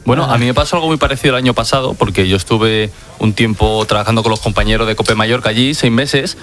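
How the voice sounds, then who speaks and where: A man's voice: mid-range voice, fast talker, fairly bright tone. Young man co-hosting a radio chat. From Madrid, Spain. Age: young adult. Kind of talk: casual chat. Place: radio studio.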